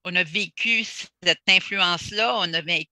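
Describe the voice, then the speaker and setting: A woman speaking as a panelist in a discussion, measured and thoughtful, pausing to search for her words over a video call. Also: lowish voice, pushed and bright, no echo.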